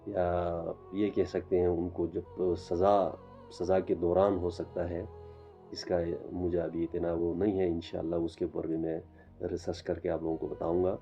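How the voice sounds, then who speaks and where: Man, low and level, self-taught religious lecturer, halting with fillers, dull lo-fi audio, faint music under. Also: flat delivery, warm tone. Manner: halting, with frequent fillers and restarts. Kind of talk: informal religious lecture vlog.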